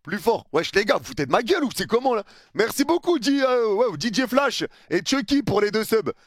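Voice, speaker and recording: A man's voice: high-pitched, sing-song, fairly quick, dry recording, clean studio sound. A young man streaming live, chatting casually in slang and thanking viewers for their subs. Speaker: streamer reacting to a video.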